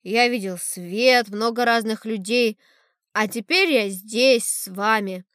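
A woman's voice: on the high side, slow pace, a bit bright, no echo, clean studio sound. A woman reading a storybook voices a rambling, wistful old sailor who talks in a confiding way. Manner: rambling, confiding, calls the boy "brother".

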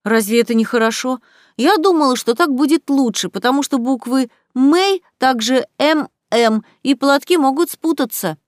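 A woman reading aloud, voicing a gentle, shy teenage girl who speaks softly and earnestly. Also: mid-range voice, animated, normal speed, no room sound, studio quality, lightly acted. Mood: eager, earnest.

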